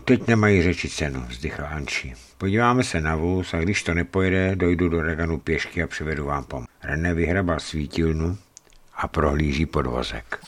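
A man with a deep, low voice reads his travel memoir like an audiobook. His delivery is tense and measured, building suspense. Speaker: narrator of his own desert journey.

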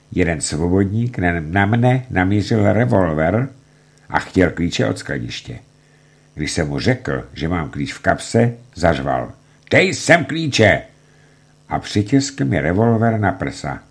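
A man with a low, husky voice reads a documentary narration in a declamatory manner. His delivery swings widely in pitch as he voices quoted reports and outbursts. The tone is grave and dramatic throughout. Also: darkish tone.

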